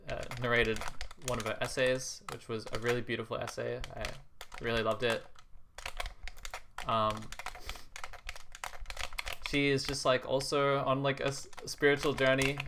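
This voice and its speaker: A young man chats casually while playing a video game. He rambles and hesitates, restarts his sentences, and drifts into soft, reflective musings with quiet laughs. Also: medium pitch, noisy background. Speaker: gaming video creator.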